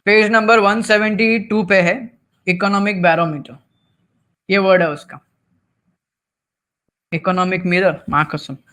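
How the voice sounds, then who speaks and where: A man's voice: high voice, fairly even intonation, a little slow, pauses often, bright, forceful tone, smooth. A man teaching an online class, quizzing students and teasing them with Marathi asides. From Maharashtra. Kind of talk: live online class lecture.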